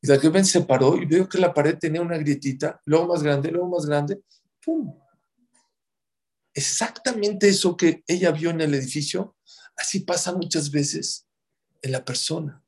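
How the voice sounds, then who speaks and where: With a Mexican Spanish accent, a man preaches a sermon full of lively stories, swinging from loud bursts to hushed asides. His voice sits on the high side and moves at normal speed.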